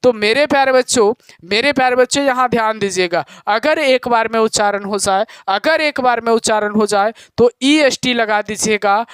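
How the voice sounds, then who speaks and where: A male teacher giving a grammar lesson, explaining slowly and repeating key points to his students. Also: very high-pitched, smooth, no echo. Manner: calls students "my dear children".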